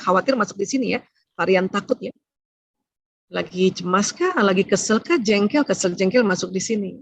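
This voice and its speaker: A woman giving a seminar talk on family and emotions, animated, acting out short exchanges between parent and child. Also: fairly high pitch, no echo, muffled recording.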